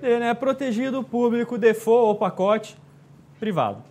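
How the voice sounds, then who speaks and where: Chatty Rio teacher checking in with the class. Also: male voice, very high-pitched, measured pace, a little mellow. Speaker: exam-prep teacher. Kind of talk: live classroom lecture.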